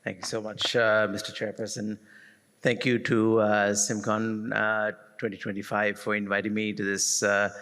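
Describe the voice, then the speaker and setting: A man with a lowish, bright, forceful voice gives a medical lecture to a conference audience. He speaks in a measured, explanatory way with frequent "uh" fillers. The hall adds a long reverb to his voice. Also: monotone. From Sri Lanka.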